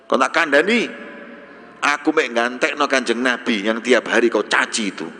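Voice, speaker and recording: A man's voice: mid-range voice, normal speed, sharp tone, pitched below the performer's own voice, close to an everyday voice. A man voicing an exasperated companion of the Prophet in a retold story, speaking bluntly and scoldingly. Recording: echoey hall reverb.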